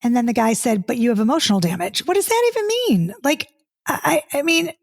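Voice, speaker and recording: Reading listener comments aloud and then replying, a dating coach in her 50s hosts a casual podcast on her own, exasperated and talkative, with stumbling restarts. She speaks a little fast in a high, creaky voice with big pitch swings. The sound is clean studio audio with no room sound.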